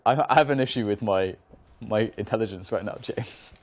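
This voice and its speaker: A man's voice: fairly low pitch, moderate pace, a little mellow. Laughing man casting esports. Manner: laughing, self-mocking banter. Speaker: esports commentator. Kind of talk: casual play-by-play commentary.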